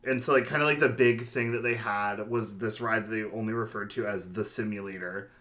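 A man's voice: fairly low pitch, fairly even intonation, a little fast, fairly bright tone. Rambling man with lots of fillers. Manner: rambling, filler-heavy, joking. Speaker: podcast co-host. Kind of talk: casual chat.

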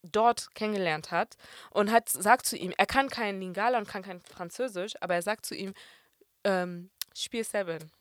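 A young woman telling a story in casual podcast chat, lively and animated, acting out what people said and dropping in English and French phrases. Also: medium pitch, moderate pace.

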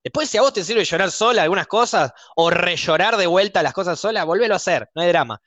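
A man's voice: high-pitched, animated, fast, a bit bright, no echo. A man with a Rioplatense Argentine accent telling stories bluntly and jokingly in a casual podcast chat, with lots of slang. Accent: Rioplatense Argentine Spanish.

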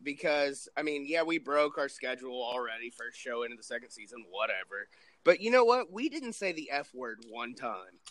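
A man with a voice that is under the weather chats casually as a podcast co-host. He is emphatic and mildly profane, at an average pitch. The sound is very dry, with little room to it. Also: big pitch swings, moderate pace, a bit bright, dry recording, poor audio. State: under the weather with illness or allergies. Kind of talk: casual sports chat.

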